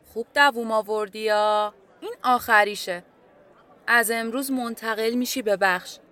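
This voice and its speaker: A woman's voice: fairly high pitch, bright, forceful tone, a faint crowd. A woman acting a firm, weary nurse in an audio drama, coaxing and then insisting with a difficult patient. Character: firm, weary female nurse in a psychiatric ward. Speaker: guest voice actor.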